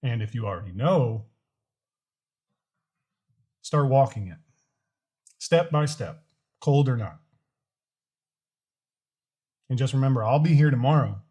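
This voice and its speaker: A man with a husky, relaxed voice talks to his vlog audience about faith and motivation. He is earnest and deliberate, breaking his thoughts into short phrases with pauses. His pitch sits in an ordinary middle range. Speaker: host of a daily challenge vlog. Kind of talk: motivational talk to camera with a faith message.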